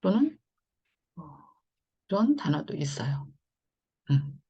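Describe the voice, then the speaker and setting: A woman teaching English phonics in an online lesson, explaining patiently and slowly with many fillers. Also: lowish voice, sing-song, warm tone, breathy edge, lo-fi sound.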